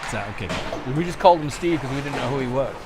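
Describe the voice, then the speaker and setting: A man giving casual, joking play-by-play commentary on a hockey game, quick to follow the action. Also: mid-range voice, animated, over a noisy crowd.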